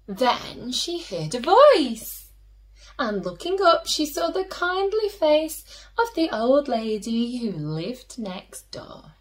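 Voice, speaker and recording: A woman storyteller with a fairly high, very animated voice. She reads slowly and expressively for young children, often turning to them with gentle questions.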